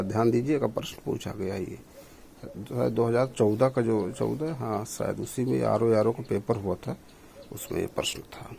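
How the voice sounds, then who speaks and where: A man at a middle pitch, teaching an exam-prep lesson and speaking. He works through each question aloud and checks the answers one by one. His delivery is steady and explanatory. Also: vocal fry, slight background noise.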